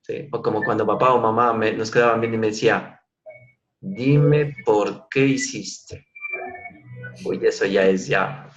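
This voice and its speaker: Guy coaching a class over a video call, lowish voice, acts out how to ask stuff, kinda muffled audio. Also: steady tone, a little fast, few pauses, fairly bright tone, soft background music. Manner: demonstrative, acts out tones of questions.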